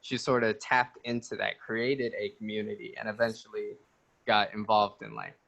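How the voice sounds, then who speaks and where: A man's voice: lowish voice, little pitch movement, moderate pace, vocal fry, fairly bright tone. A 19-year-old man chatting casually as an interview guest, joking, laughing often and rambling with restarts.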